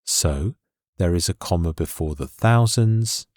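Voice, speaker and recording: Slow, deep-voiced English teacher. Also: male voice, lively intonation, darkish tone, dry recording, studio quality. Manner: slow, clear and deliberate explanation. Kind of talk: scripted lesson narration.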